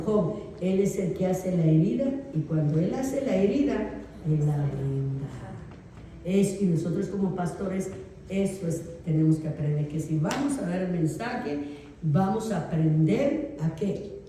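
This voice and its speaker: A woman pastor teaching a theology class in a relaxed, conversational way, often checking that her students follow. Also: lowish voice, a little slow, slight background noise. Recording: echoey room, voice picked up from far off.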